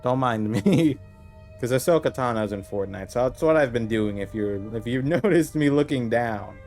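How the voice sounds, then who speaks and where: A man's voice: medium pitch, normal speed, a little mellow. A man streaming a video game and chatting casually to his viewers. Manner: chatty, talks to chat and the game. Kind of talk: casual gameplay commentary. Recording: game music behind.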